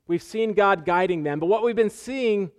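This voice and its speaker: A man's voice: high voice, moderate pace. A man preaching a sermon as pastor, earnest, repeating phrases for emphasis and asking rhetorical questions.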